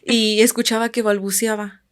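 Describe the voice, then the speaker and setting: A woman from Guerrero with a Mexican Spanish accent, a podcast guest telling a personal story in a calm, casual way that often fades quietly at the end of phrases. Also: on the high side, moderate pace, smooth.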